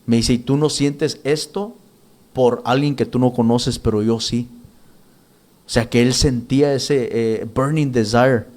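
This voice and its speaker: Casting: male church minister, mid pitch, earnest, stop-start testimony delivery. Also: fairly even intonation, darkish tone. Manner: earnest, halting, with many restarts and repeated words. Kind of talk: spoken testimony.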